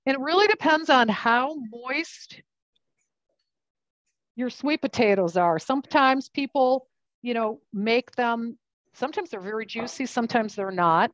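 A woman's voice: fairly high pitch, animated, unhurried, dry recording, muffled recording. A woman teaching a cooking class, chatting and explaining each step while she works with her hands. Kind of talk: live cooking demonstration.

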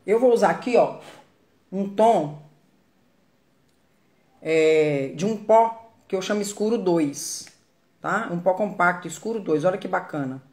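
A woman's voice: mid-range voice, darkish tone. A Brazilian woman giving a live makeup tutorial from her phone, chatty and greeting viewers by name as she works. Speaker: makeup artist.

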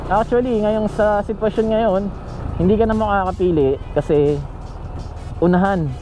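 A man's voice: high-pitched, normal speed, music in the background, low-quality recording. A man talking casually while riding a motorcycle through town, answering viewer questions with frequent tag questions. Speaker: motovlogger and delivery rider. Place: outdoors on a motorcycle in town streets.

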